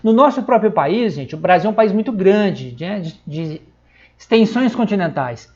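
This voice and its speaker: A man's voice: sits high, expressive, moderate pace, muffled recording, a little hiss or hum. Chatty São man teaching online. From São Paulo, Brazil. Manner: chatty, checks in constantly with tag questions. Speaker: English teacher. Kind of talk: live-streamed online lesson.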